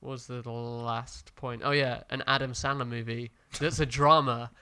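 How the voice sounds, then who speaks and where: A man's voice: mid-range voice, fairly even intonation, normal speed, pushed and bright, clear, resonant tone. A man co-hosting a film podcast, chatting casually and rambling with lots of fillers. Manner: rambling, hesitant, full of fillers. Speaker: podcast co-host. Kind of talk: casual chat.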